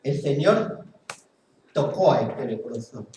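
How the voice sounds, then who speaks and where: A man's voice: mid-range voice, lively intonation, slow pace, dark tone, slight background noise. A male pastor with a Spain Spanish accent preaching earnestly in a church hall, repeating phrases for emphasis. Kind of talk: sermon. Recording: very echoey hall, mic far off.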